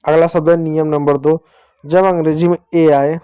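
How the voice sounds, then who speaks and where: A man's voice: a little high, flat delivery, moderate pace, dark tone, clear, resonant tone, no echo. A young man teaching children English phonics, asking questions and answering them himself and repeating key points. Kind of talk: classroom-style phonics lesson.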